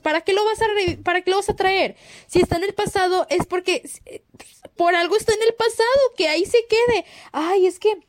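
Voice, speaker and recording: A woman's voice: extremely high pitch, dry recording, clean studio sound. A young woman with a Mexican accent, hosting a casual storytelling podcast, chatty and slangy, giggling and acting out quotes as she tells anecdotes. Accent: Mexican Spanish. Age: young adult. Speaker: podcast host.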